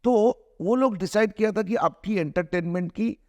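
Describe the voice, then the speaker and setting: A man's voice: high-pitched, darkish tone, no room sound, lo-fi sound. Earnest argumentative man, dry close sound. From India. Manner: earnest, argumentative, with frequent restarts and drawn-out hesitations. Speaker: film director, interview guest. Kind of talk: conversational interview, mixing Hindi and English.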